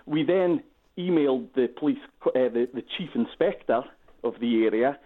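A man with a Doric accent from the north-east of Scotland is speaking as a phone-in caller. He recounts his experience over a tinny phone line, at a medium pitch. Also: expressive, moderate pace. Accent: Doric, north-east Scottish. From Aberdeenshire, Scotland.

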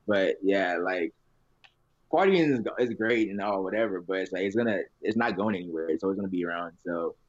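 Young man, frat-bro slang, lowish voice, confident, casual podcast guest, dry lo-fi sound. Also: fairly quick, dry recording. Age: young adult. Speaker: guest, competitive college lifter. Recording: dull, lo-fi sound.

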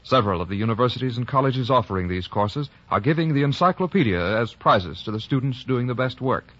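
An American man working as an old-time radio announcer, speaking in a formal, measured announcer delivery on a vintage broadcast. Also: medium pitch, animated, fairly bright tone, lo-fi sound.

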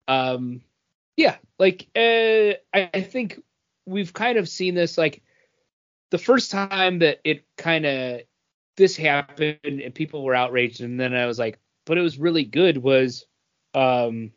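A man co-hosting a podcast chats casually, rambling with lots of fillers and restarts. His voice is on the high side and a bit bright, expressive and unhurried, captured on a muffled recording.

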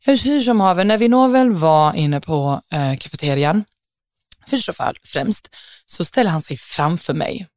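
Young woman, low-ish voice, dry close mic, chatty and dramatic storytelling. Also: animated, darkish tone, dry recording. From southern Sweden. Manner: chatty, dramatic, mixes in English phrases. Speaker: podcast host. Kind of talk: casual storytelling.

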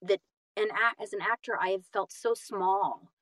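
Medium in pitch and talking at a normal speed, this audiobook narrator and actor gives a casual interview with no room sound in the background. She comes across as earnest and effusive, and she often performs little quotes and asides.

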